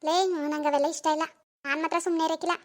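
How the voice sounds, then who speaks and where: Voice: sits high, little pitch movement, very fast, lightly acted. A voice actor playing Bangari, a proper cartoon schoolgirl who refuses things bluntly and scolds. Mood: stern. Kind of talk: cartoon voice acting.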